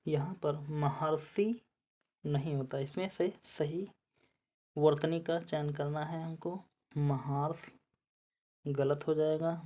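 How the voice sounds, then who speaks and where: A woman's voice: low-pitched, dark tone. A woman teacher working through spelling quiz answers for exam preparation, methodical and repeating each word as she checks the options.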